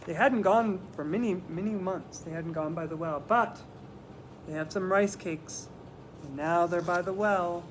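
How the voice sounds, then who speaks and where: Reading aloud to kids from a picture book, this high-voiced man dramatizes the lines, slows down to stress key moments, and offers simple explanations along the way. The recording is rough and has clear background noise.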